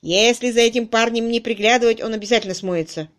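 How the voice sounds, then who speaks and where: A woman voicing a brash, blustering male debt collector who speaks loudly and stretches his words. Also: fairly high pitch, close to an everyday voice. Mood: indignant. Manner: loud, emphatic, drawn-out words.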